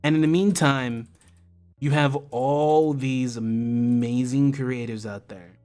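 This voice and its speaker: An American man with a medium-pitched, slightly mellow voice hosts a casual livestream chat. He talks passionately in slang and swears freely.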